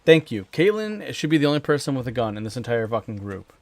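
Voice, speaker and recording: A young man casually commentating his gameplay as a streamer, excitable, swearing freely and thinking out loud. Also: medium pitch, fast, gravelly, dry recording.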